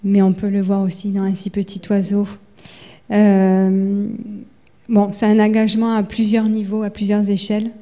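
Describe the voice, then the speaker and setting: A woman's voice: mid-range voice, completely flat delivery, moderate pace, mellow. A woman moderating a library talk, searching for words as she puts a question to an author. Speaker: event moderator. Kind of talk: interviewing an author.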